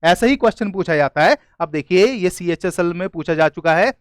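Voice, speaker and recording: Male tutor, high clear voice, dry close mic, explains slowly and checks understanding. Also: animated, no room sound. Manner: explains step by step, often asks "clear?". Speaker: grammar teacher. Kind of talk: classroom-style video lesson.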